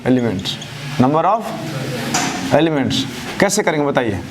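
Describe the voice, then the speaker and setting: A man teaching a math class, who keeps asking questions and answering them himself, his answers dropping low and soft. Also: big pitch swings, takes it slowly, background noise. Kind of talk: classroom lecture with call-and-response questions.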